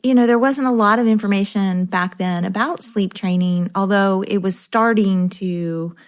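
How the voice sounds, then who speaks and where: A woman's voice: mid-range voice, moderate pace. A middle-aged woman hosting a parenting podcast interview, chatty and affirming with her guest. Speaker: podcast host.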